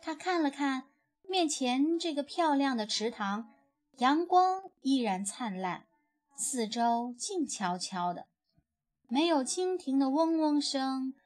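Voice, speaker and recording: In a high-sitting voice, a woman slowly reads aloud from a children's picture book, giving the story an expressive, storytelling delivery.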